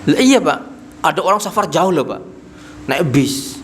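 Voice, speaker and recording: A man's voice: on the high side, lively intonation, moderate pace. Male religious teacher, lecturing in a small prayer hall, questions and answers his own points, faint background noise. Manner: tags nearly every phrase with "Pak"; asks the audience questions and answers them himself. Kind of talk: mosque study-circle lecture.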